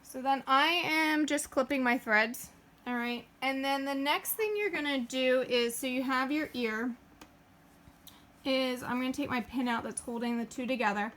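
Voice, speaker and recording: A woman hosts a casual sewing tutorial in a high, fairly bright voice at a moderate pace. She chats as she works, talking through each step with lots of fillers.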